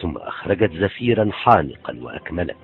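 A man narrates a novel dramatically, his deep voice moving widely in pitch. The sound is thin and phone-like, with soft music under it. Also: sing-song, brisk. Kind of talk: novel reading.

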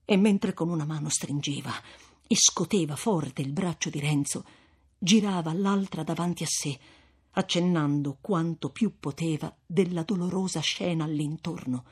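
A man narrating a classic novel in a measured, unhurried way. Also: on the high side, breathy edge. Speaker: audiobook narrator. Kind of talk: scripted literary narration.

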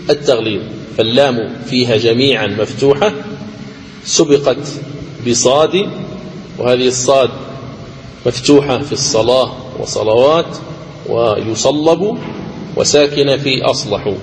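A man's voice: medium pitch, a little hiss or hum. Man teaching recitation rules in an echoey hall. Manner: deliberate, repeats each rule, slows to chant examples. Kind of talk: explanatory lecture on recitation rules.

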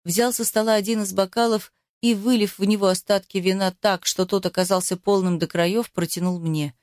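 A woman reading a first-person novel aloud in an emotional, expressive way. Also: medium pitch, moderate pace, dry recording, clean studio sound. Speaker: audiobook narrator.

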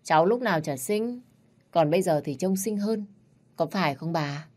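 A woman's voice: lowish voice, expressive, moderate pace, a little mellow. A woman voicing a cheeky young woman of twenty-two, playful and wheedling with her grandmother.

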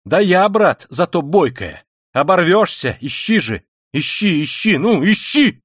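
A man reading aloud puts on a frantic widow, shrieking insults in a high, strained voice that swings wildly up and down. She is loud and relentless, in a dry audiobook recording. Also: sing-song, unhurried, slightly rough, dry recording, heavily acted. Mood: frantic rage. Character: hysterical impoverished widow, shrieking, furious.

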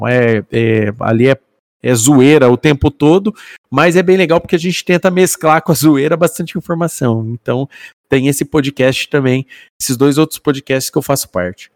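A man's voice: mid-range voice, dry recording, studio quality. A Brazilian man chatting casually as a podcast guest, talkative, often tagging on little questions. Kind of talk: casual chat.

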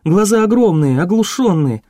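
Guy reading an audiobook, high voice but warm and mellow, dry close mic. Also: dry recording. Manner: measured, expressive reading. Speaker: audiobook narrator. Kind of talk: scripted narration.

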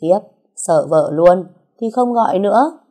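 A woman's voice: medium pitch, expressive, a little slow, dark tone. A woman playing a doting, pleading young husband. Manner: pleading, coaxing.

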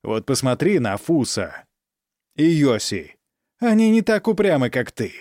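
A man's voice: mid-range voice, sing-song, measured pace, no echo, clean studio sound, pitched above the performer's own voice. A man playing a cruel aristocratic count who harshly berates his daughter in an audiobook reading. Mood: commanding. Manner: harsh, shouting, menacing.

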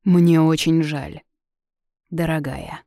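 Audiobook villain: a woman playing a proud, smug young prince, low-voiced and dark. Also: steady tone, takes it slowly, creaky, no room sound, clean studio sound, exaggerated voice. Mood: bitter. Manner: smug and taunting.

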